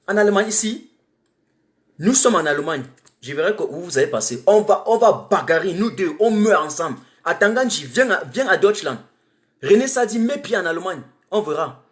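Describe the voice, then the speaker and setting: A woman from Cameroon, giving impassioned, defiant political commentary on a livestream and repeating phrases for emphasis. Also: mid-range voice. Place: home in Germany. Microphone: webcam or phone mic on a livestream.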